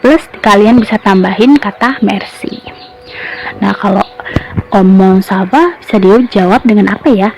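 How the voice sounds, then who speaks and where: A young woman teaching a casual lesson, chatty and explaining things slowly with small fillers. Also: medium pitch, a little mellow, rough recording.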